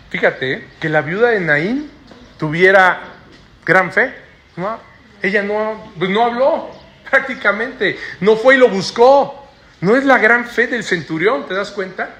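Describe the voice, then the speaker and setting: In church, a man with a high, fairly bright voice preaches a sermon to the congregation. He keeps tagging his phrases with a rhetorical "¿no?".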